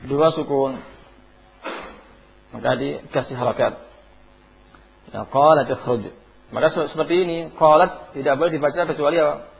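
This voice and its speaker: A tajwid teacher's voice is on the high side, gravelly and husky, with fairly even intonation, a moderate pace, and long pauses. On dull lo-fi classroom tape, he asks his class questions about Quranic recitation rules and chants the examples in between.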